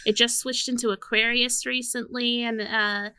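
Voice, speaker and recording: A woman's voice: fairly high pitch, level tone, normal speed, bright, forceful tone, slight background noise. A woman in her late twenties co-hosting a podcast, talking reflectively in casual chat and often restarting her phrases. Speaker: podcast co-host.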